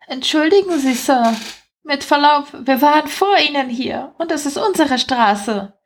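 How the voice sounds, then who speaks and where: A woman voicing a cheeky, gossiping male street rat in an audiobook reading, in a high, mocking voice. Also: lively intonation, a little slow, a little hiss or hum. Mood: indignant. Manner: indignant, mocking, high squeaky voice.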